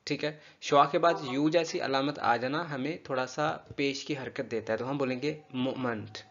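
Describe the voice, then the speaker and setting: A man teaching English pronunciation, patiently drilling words slowly and repeating them for a learner. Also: a little high, fairly bright tone, highs cut off. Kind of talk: spoken language lesson.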